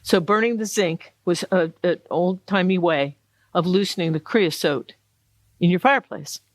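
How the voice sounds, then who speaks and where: A woman's voice: lowish voice, moderate pace, dry recording. Chatty female host, dry close sound. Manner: chatty, encouraging, lots of backchannel. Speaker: show host. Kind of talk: casual interview chat.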